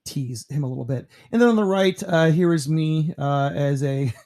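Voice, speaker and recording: Mellow-voiced man turning fifty. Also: fairly high pitch, normal speed. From New York. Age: 50s. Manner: relaxed, rambling, many fillers. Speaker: teacher. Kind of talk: casual slideshow narration.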